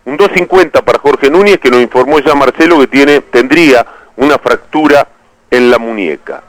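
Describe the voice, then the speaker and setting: A man's voice: mid-range voice, moderate pace, no echo, poor audio. A man with an Argentine accent giving conversational, rambling football player ratings on radio. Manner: conversational, rambling, self-correcting. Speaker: football analyst.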